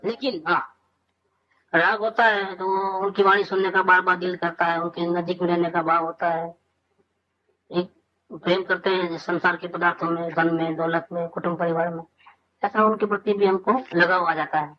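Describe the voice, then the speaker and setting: A man's voice: sits high, little pitch movement, normal speed, highs cut off. A man teaching from scripture in an informal spiritual discourse, asking rhetorical questions and answering them himself.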